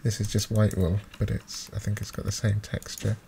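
A man's voice: on the low side, completely flat delivery, moderate pace, gravelly, warm tone. A man giving casual, hesitant let's play commentary, thinking aloud, with mouse clicking behind him. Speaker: gaming video host. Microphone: close desktop microphone with gain high. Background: mouse clicks and keyboard noise.

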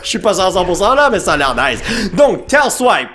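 A man narrates his gameplay in a high, bouncing voice that swings wildly up and down. He is excitable, breaking into shouts and English slang. Faint game music plays underneath. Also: moderate pace. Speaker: gaming YouTuber. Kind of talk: live gameplay commentary.

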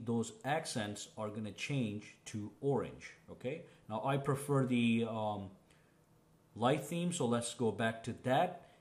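A man hosts a relaxed phone tutorial in a mid-range voice. He explains each setting step by step, checks in with the viewer and punctuates changes with a quick "boom.". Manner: chatty, explains step by step, often says "okay?" and "boom". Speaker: tech reviewer. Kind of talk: casual phone tutorial walkthrough.

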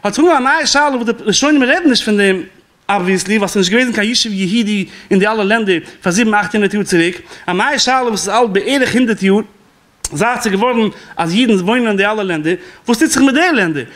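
A man's voice: high-pitched, fast talker, fairly bright tone. A man giving a rabbinic law class as a spoken lecture, explaining and quoting sources, with an occasional chuckle.

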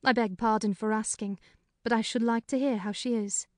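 This is an audiobook character voice: a man speaks as a middle-aged housekeeper who is brisk, plain-spoken and full of chatter. He uses a high, steady pitch raised above his own, and it sounds natural. The recording is dry and of studio quality.

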